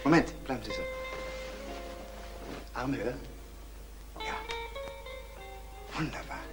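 An actor playing a charming male painter who courts a young woman, with a soft, persuasive manner, in old German film acting. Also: medium pitch, slow pace, music in the background, lightly acted.

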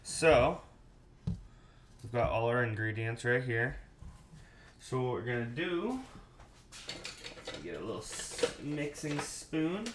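Casual male cooking streamer, thirties, mid-pitched, noisy home kitchen with a running tap. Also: lively intonation, slow, long pauses, roomy sound. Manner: laid-back, chatty, reads and answers live chat. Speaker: cooking show host. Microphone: fixed camera mic, host moves around.

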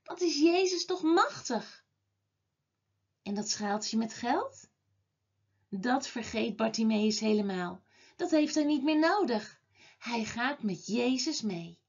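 A woman teaching a children's Bible class, telling a story to children in an expressive way. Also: fairly high pitch, husky, highs cut off. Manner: slow, expressive, lively telling.

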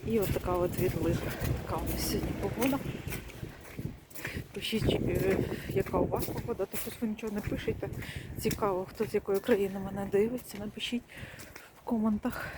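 A chatty woman talks straight to her viewers into a handheld phone as she walks outdoors. Loud wind and outdoor noise roar around her voice, and her pitch sits in an ordinary middle range. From Ukraine. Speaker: vlogger. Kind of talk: casual chat to viewers. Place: outdoors in rain and wind, walking.

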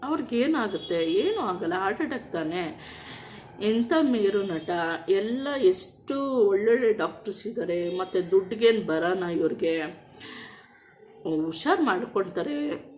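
A woman's voice: medium pitch, lively intonation, measured pace, pauses often, a little mellow, a little hiss or hum. A woman tells a personal story in a vlog and speaks with open feeling. She keeps asking rhetorical questions as she talks. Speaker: vlogger.

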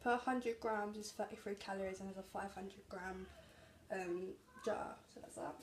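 A woman's voice: mid-range voice, fairly even intonation, normal speed. A young woman chatting through a grocery haul vlog in a small home kitchen, reading out labels and calorie counts to a camera at arm's length. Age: young adult. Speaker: vlogger. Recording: echoey kitchen with background noise.

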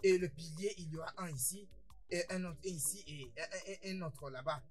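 A man's voice: a little high, moderate pace, soft background music, lightly acted. A man playing a boastful stammering brother. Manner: stammering, repeating words, frequent "hein?". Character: boastful excitable older brother, newly rich, quick-tempered. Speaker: dubbed film character. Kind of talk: French dub of a Nigerian film.

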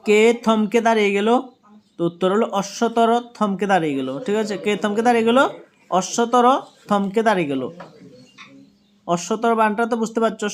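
Young male tutor, Tripura Bengali accent, high voice, repetitive exam walkthrough. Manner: repeats each answer, checks with "right?". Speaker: teacher.

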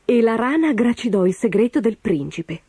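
A woman narrating a children's fairy tale in an expressive, lively storytelling manner. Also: fairly high pitch, normal speed, slightly rough, no room sound, studio quality. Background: background music.

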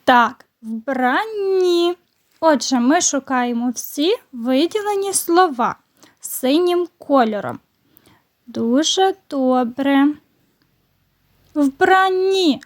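A woman primary school teacher giving a recorded lesson to young children, slowly and patiently explaining each word. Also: high-pitched, expressive.

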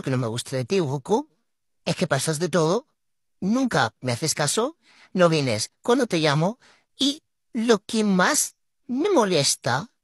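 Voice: medium pitch, husky, no echo, studio quality. A vlogger speaking through a voice changer filter that swaps the apparent gender, scolding their pet to camera in an exasperated, mock-dramatic way. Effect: voice changer filter, gender-swapped sound.

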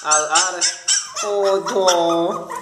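A man's voice: high voice, fairly even intonation, very slow. A man talking to his pet dogs in tender, pitying baby talk at home by a door. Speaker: dog owner filming his pets. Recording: echoey room, loud background noise. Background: dogs whimpering and barking.

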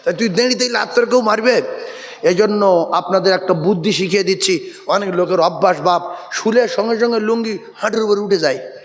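High-voiced preacher in a reverberant hall. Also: male voice, a little fast. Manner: animated, calls on the crowd to repeat loudly. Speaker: Islamic preacher. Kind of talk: Bengali waz sermon.

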